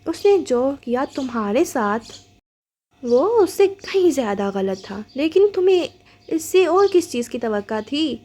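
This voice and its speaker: A woman voicing a composed woman therapist in a storybook reading, measured and firm as she reasons. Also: high-pitched, very animated, darkish tone.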